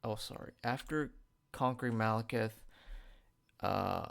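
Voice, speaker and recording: A man's voice: on the low side, measured pace, gravelly, fairly bright tone. A young man hosting a radio show, giving a loose, rambling film review with lots of "like" and stumbles, talking with a retainer in. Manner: loose and rambling, fills with "like" and stumbles over words. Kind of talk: casual spoken film review. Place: radio studio.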